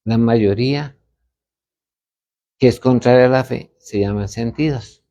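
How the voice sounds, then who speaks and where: A man's voice: medium pitch, unhurried, warm tone. A man, a pastor, teaching other pastors in a conversational way and retelling stories with quoted dialogue. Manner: gravelly, anecdotal, retells dialogue.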